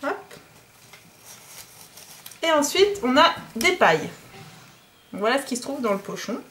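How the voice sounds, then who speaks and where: A fairly high-voiced woman from France talks through a craft box in a relaxed, chatty vlog, full of little fillers. Faint background noise and clicks sit under her voice. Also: measured pace. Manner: chatty, hesitant with many fillers, says "hop" often. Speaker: DIY vlogger. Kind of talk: casual unboxing vlog.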